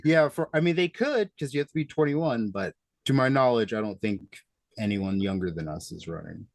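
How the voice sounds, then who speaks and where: A man's voice: mid-range voice, animated, a little fast, no room sound. A young man in his twenties hosting a casual interview over a video call, chatty and rambling with restarts. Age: young adult. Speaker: host. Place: small room at home.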